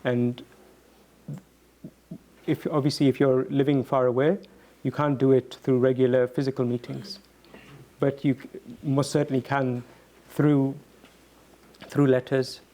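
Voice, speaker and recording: A man in a reflective talk, answering as a guest speaker. His delivery is earnest and halting, with repeated words, and his pitch sits in the middle range for a man. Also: level tone, dark tone.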